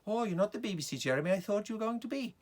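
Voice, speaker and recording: A blunt, dismissive Welsh woman, as a male speaker puts her on in a story, her voice pitched well above his own. It is high and teasing, with a clear Welsh lilt. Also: animated, rapid-fire, a little mellow.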